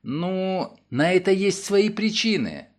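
A man's voice: high-pitched, sing-song, slow, pitched above the performer's own voice, heavily acted. A man voicing an anxious young woman who was robbed, speaking in a raised, breathless and pleading way in an audiobook. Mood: agitated.

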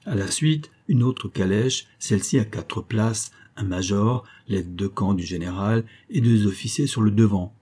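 Husky, dark-voiced male storyteller. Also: on the low side, a little slow, few pauses. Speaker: narrator. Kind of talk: scripted audiobook narration.

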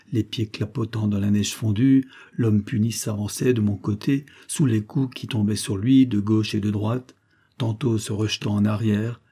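A man reading a literary story aloud as an audiobook narrator, in a measured, grave way. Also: on the low side, warm tone, breathy edge. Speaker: audiobook reader.

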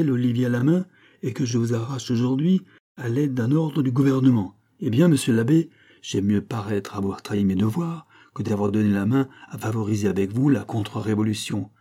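A man's voice: fairly low pitch, fairly quick, few pauses, mellow, breathy edge. A man reading aloud, voicing an earnest young male revolutionary in a fervent, rousing way.

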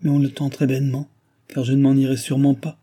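A man's voice: medium pitch, monotone, fast, warm tone, breathy edge, pitched above the performer's own voice, lightly acted. A man doing a sobbing distraught young woman. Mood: desperate. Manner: pleading, sobbing, exclamatory. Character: distraught young woman friend, tearful, clinging.

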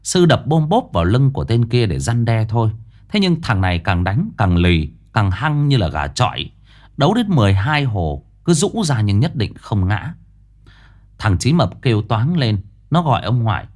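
Lively male ghost-story narrator. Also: mid-range voice, normal speed. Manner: dramatic, expressive storytelling.

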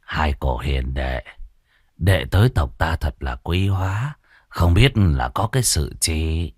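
Storybook role: a man playing an ancient, frail clan patriarch, shaky, slow and hushed, very low. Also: lively intonation, dry recording, clean studio sound, full character voice. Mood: courteous. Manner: trembling, slow and solemn. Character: frail male clan elder over a hundred.

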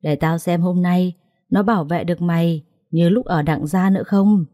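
A woman's voice: fairly low pitch, steady tone, moderate pace, warm tone, no room sound, studio quality, lightly acted. A woman voicing a cruel, scheming sister-in-law who talks in a harsh, contemptuous, threatening way. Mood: menacing.

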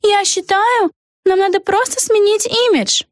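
An excitable little witch girl with a sky-high squeak of a voice. She blurts out each thought wide-eyed, in the dry, close sound of an audiobook. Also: measured pace, no echo. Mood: chattering. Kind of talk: audiobook character voice.

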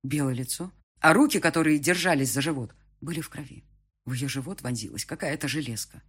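A man narrates a first-person audiobook in a tense, emotional way. His voice sits a bit high and sounds husky and breathy. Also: a little fast, a bit bright.

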